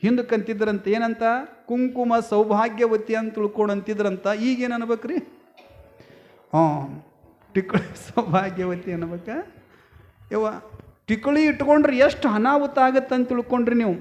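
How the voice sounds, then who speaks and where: A man's voice: very high-pitched, unhurried, pauses often, a little mellow. A man with a North Karnataka Kannada accent preaching a devotional sermon, folksy, telling stories and calling out to the women listening. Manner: folksy, addresses women as yavva, acts out story voices. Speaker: swami preacher.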